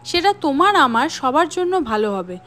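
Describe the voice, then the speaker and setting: A woman's voice: high voice, very animated, normal speed, a bit bright, faint music behind. A woman voicing a young man who firmly warns his mother to stay out of his love life. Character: young man, firm and protective.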